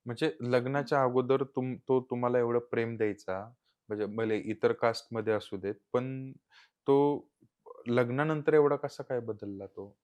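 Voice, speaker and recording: A man hosting a podcast interview, quiet and attentive, asking brief questions. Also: medium pitch, steady tone, normal speed, clean tone. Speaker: podcast host. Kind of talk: interviewer's soft back-channelling.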